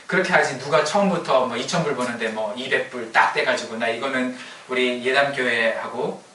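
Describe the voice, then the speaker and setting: Bright-voiced pastor preaching in echoey church. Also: male voice, medium pitch, distant mic, slight background noise. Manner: conversational, asks the congregation questions and acts out prayers. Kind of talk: sermon. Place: church sanctuary.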